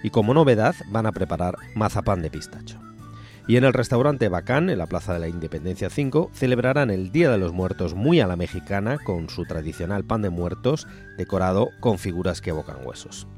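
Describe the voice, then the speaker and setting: A man reads a cultural events roundup in a brisk, lively scripted delivery. His voice sits low, and a faint guitar plays behind him. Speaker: radio cultural agenda presenter. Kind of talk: scripted news reading.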